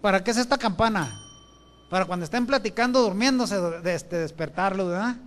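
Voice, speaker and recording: A man's voice: sits high, fairly quick. A man preaching a sermon. He reads scripture aloud and keeps asking and answering his own questions. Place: church with benches. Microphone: handheld or stand microphone.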